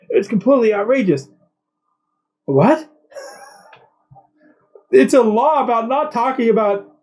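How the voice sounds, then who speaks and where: A male host with a somewhat high voice delivering mocking political commentary. He rambles in a sarcastic tone, stumbling through fillers and restarts, with scoffing asides between his points. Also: darkish tone, rough recording.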